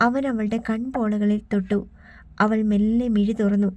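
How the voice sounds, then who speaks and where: A woman reading an audiobook story as narrator in a calm, measured way. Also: mid-range voice, no echo, highs cut off.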